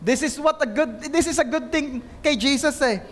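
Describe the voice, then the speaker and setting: A man's voice: very high-pitched, normal speed, fairly bright tone, slight background noise. A male pastor giving an emphatic sermon, calling on the congregation to repeat after him and mixing Tagalog with English.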